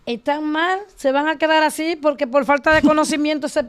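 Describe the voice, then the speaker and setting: High-voiced woman teaching with emphasis. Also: fairly even intonation, fairly quick. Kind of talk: casual faith discussion.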